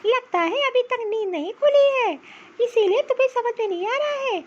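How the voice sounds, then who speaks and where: A woman's voice: very high-pitched, lively intonation, normal speed, dull audio. Woman voicing a nagging old mother-in-law. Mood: scolding. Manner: scolding, nagging. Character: scheming old mother-in-law, stout, sharp-tongued. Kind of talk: cartoon voice acting.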